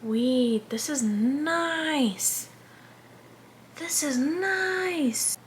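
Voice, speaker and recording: A woman's voice: high-pitched, lively intonation, extremely slow, slight background noise. A woman in her twenties chatting casually while doing her makeup, rambling and interrupting herself, sometimes dropping into a whisper. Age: 20s. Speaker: vlogger.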